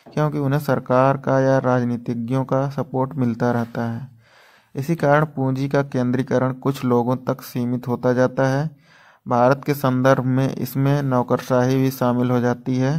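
A man explaining an economics topic in a measured, textbook-like lesson style. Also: medium pitch, a little mellow. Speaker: educator.

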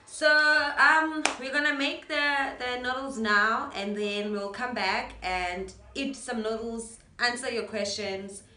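A woman's voice: fairly high pitch, measured pace, hardly any pauses, bright, forceful tone. A young woman co-hosting a casual chat, bubbly and chatty, laughing often. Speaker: co-host. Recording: echoey room with background noise.

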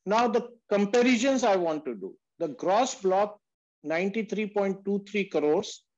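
A man's voice: high voice, a little slow, darkish tone. A man teaching on an online call, explaining emphatically and addressing listeners as sir. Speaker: valuation instructor. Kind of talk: explanatory online lecture with questions and answers. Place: online group video call. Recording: dull lo-fi video call audio.

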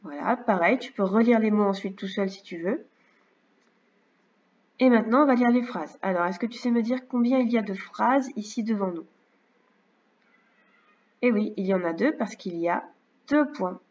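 A woman teacher talks a young child through a home lesson, patient and unhurried, pausing to check in. Her voice sits at an ordinary pitch. It is recorded on a computer mic that sounds a little dull and lo-fi. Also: a little mellow. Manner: patient, slow and clear, checks in with "d'accord?". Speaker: first-grade teacher. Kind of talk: remote lesson narration over slides.

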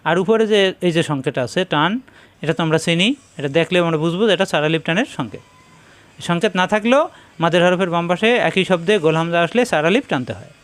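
High, smooth-voiced man teaching recitation. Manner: slow, patient, repeats each syllable. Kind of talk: spelling out Arabic letter by letter.

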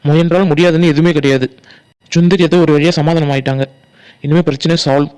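A man's voice: fairly high pitch, fairly even intonation, darkish tone, soft background music, close to an everyday voice. A man voicing an earnest young village man in a cartoon, pleading and reassuring his aunt. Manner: pleading, reassuring, talks fast. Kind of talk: Tamil cartoon voice acting.

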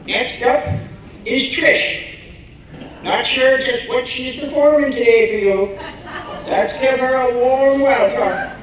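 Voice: sits high, steady tone, slow pace, pauses often. An announcer introducing acts at an amateur stage show in a plain manner. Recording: echoey hall, far-off mic.

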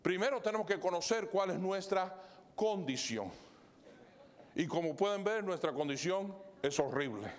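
A man's voice: animated, normal speed. A man pastor preaching a sermon in church, swinging his voice up and down, slipping in English fillers like "so" and "all right". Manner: preaching with sweeping rises and drops in pitch; mixes English fillers into Spanish. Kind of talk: sermon with live illustrations. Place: church sanctuary.

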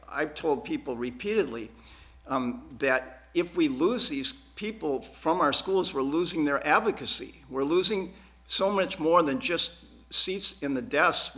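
Speaking as a school board candidate at a forum in a public access TV studio, a man with a slightly high, fairly bright voice sounds earnest and emphatic. He repeats words to drive his points home.

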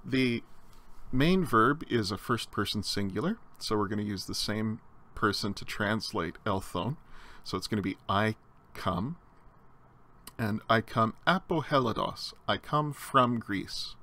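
A man's voice: fairly low pitch, unhurried, pushed and bright. A man giving a recorded slide lecture on Greek grammar, explaining step by step with frequent fillers and restarts.

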